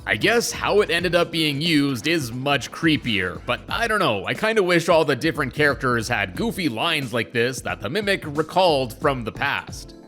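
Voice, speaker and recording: A man's voice: fairly high pitch, big pitch swings, normal speed, few pauses, pushed and bright. A man hosting a gaming video, reading scripted explainer narration. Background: music.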